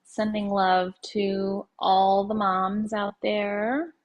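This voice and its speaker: A female yoga nidra teacher leads a meditation in a medium-pitched voice with very even intonation. She speaks slowly and leaves gentle pauses between instructions, and the sound is lo-fi.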